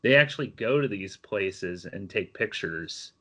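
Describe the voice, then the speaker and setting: A man's voice: lowish voice, animated, unhurried, a bit bright. A man co-hosting a podcast, telling stories in a chatty way and laughing often. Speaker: podcast co-host. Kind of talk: casual chat.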